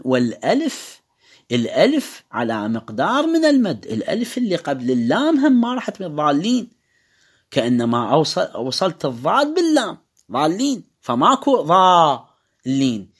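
A man's voice: on the high side, slightly rough. A man with an Iraqi Arabic accent teaching recitation rules, explaining step by step and drawing out words to demonstrate them. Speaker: religious teacher. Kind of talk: lecture on Quran recitation rules.

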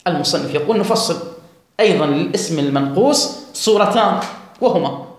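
A man teaching a grammar lesson, reading the text slowly and stretched, then explaining it quickly and asking the class questions. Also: high-pitched, animated. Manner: asks the class questions and urges them to follow. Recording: very echoey room.

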